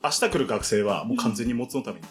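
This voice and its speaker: A man's voice: mid-range voice, lively intonation, fast, heavy background noise. A man chatting casually as a podcast guest. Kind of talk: casual interview chat. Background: background music.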